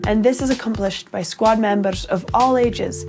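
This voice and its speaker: A woman's voice: fairly high pitch, normal speed, over music. A woman from Shetland with a Shetland Scottish accent, presenting a scripted, humorous explainer in a playful way with theatrical emphasis. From Shetland, Scotland.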